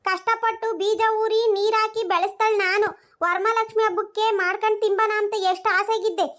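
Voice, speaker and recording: A performer doing a squeaky, fast-talking nagging village granny. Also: little pitch movement, a bit bright. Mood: scolding. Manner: scolding, grumbling to herself. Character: nagging old village grandmother, scolding and suspicious. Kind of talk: cartoon voice acting.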